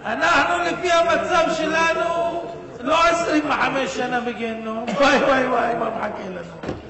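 A rabbi delivering a fervent sermon with a parable, dropping to a hush and rising to shouts. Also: male voice, very high-pitched, a crowd in the background. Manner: fervent, swings between hushed and shouting, acts out the judge. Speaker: rabbi preaching. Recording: echoey hall with long reverb, faint noise.

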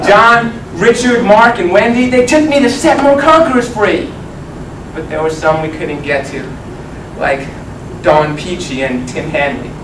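In a medium-sized banquet meeting room, a young man competing as a speaker performs a rhyming, comic tall tale, projecting theatrically and pausing for drama. His voice is high. A far-off camera mic picks him up, giving an echoey, noisy sound with the audience audible.

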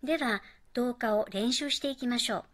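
A woman narrating a scripted pronunciation lesson, modelling English phrases slowly and carefully. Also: fairly high pitch.

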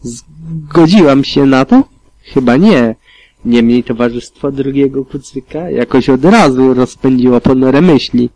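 A man reading a fan fiction audiobook aloud in a calm, steady manner with occasional slips. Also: mid-range voice, measured pace, no room sound, low-quality recording. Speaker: audiobook reader.

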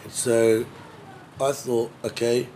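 A man's voice: mid-range voice, level tone, takes it slowly, dark tone, a little hiss or hum. A man chatting casually as a guest, laid-back and full of swearing and slang. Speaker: drummer, interview guest. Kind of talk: casual chat.

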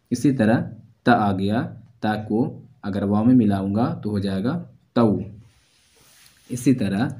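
A man's voice: mid-range voice, mellow. Patient man teaching letter sounds. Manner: slow, patient, repeats each syllable drill-style. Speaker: Quran reading teacher.

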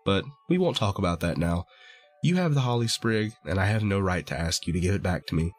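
A man's voice: sits low, lively intonation, fairly quick. A man voicing a sly little male dwarf who haggles and coaxes in a storybook reading. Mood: chatty. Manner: wheedling, coaxing haggler.

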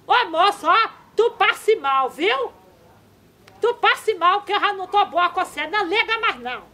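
A woman's voice: extremely high pitch, expressive, normal speed, pushed and bright, full character voice. A woman playing a flustered elderly countrywoman granny with rustic, fussy speech in a comedy sketch. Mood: flustered, indignant.

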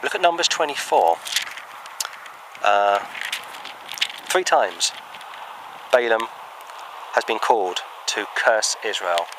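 A man with a fairly low voice delivers an earnest, emphatic sermon and reads scripture aloud. He is outdoors. Clear traffic and street noise run under the recording. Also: big pitch swings, slow, pauses often. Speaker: preacher. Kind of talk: sermon with Bible reading.

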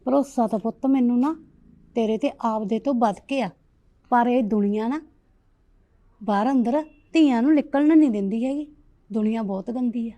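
A woman plays a protective mother in a family drama, scolding her daughter loudly and then pleading with her in a fretful tone. Her voice sits fairly high for a woman. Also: moderate pace, pauses often, natural voice. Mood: worried. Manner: loud scolding, lecturing. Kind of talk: village family drama acting.

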